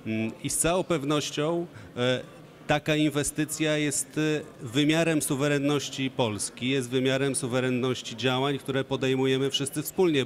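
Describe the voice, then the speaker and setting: A man speaking formally and measuredly on a conference panel, with frequent hesitations, into a handheld mic. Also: medium pitch. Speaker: minister on panel. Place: large conference stage.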